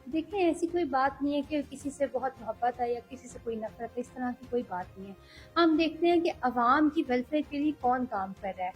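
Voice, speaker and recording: A young woman speaking earnestly as an interview guest, measured and hesitant at times. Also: sits high, expressive, faint music behind, low-quality recording. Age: young adult. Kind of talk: political interview.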